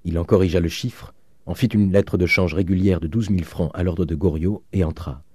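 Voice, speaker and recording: Male audiobook narrator, very low voice, dark and husky, dry close sound. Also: fairly even intonation, fairly quick, dry recording.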